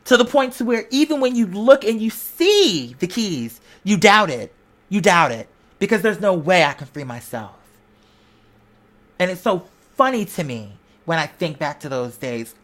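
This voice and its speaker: Her voice is lowish and unhurried, swinging widely in pitch. This woman vlogger delivers a casual, slang-filled motivational talk, hammering points home through preacher-style repetition.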